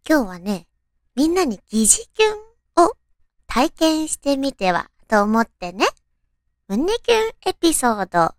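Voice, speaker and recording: A woman with a very high, cute anime-girl voice hosts a radio show. Her delivery is girlish and animated, with pitch that moves around a lot. The sound is dry and close, as she talks sweetly to listeners. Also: dry recording. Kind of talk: soft-hearted radio talk and read-out listener love stories.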